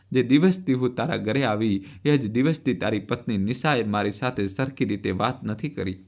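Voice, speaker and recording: A man's voice: mid-range voice, natural voice. A man reading as a dying old mother. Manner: tender, pleading, gently reproachful. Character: dying old mother writing a farewell letter.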